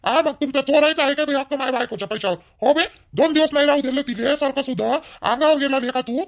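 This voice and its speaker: A man's voice: sits high, quick pace. Man playing a furious threatening son-in-law. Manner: shouting, threatening, rough. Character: angry young son-in-law demanding money.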